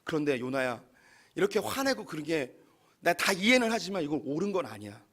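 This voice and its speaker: Quiet and soothing, this is a patient, fatherly deity who reasons kindly with a stubborn follower, as a preacher voices him. The tone is soft and a little lower than a preacher's usual, yet it stays bright. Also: very animated, fairly quick, exaggerated voice. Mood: gentle reassurance. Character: gentle, patient fatherly male God.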